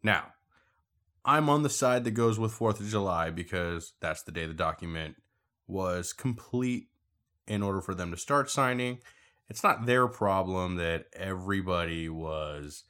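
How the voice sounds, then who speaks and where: Deep-voiced man with dry, teasing talk. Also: animated, measured pace, bright, forceful tone. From Puerto Rico. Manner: dry, teasing, matter-of-fact. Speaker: guest, host's older brother. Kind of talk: casual podcast chat.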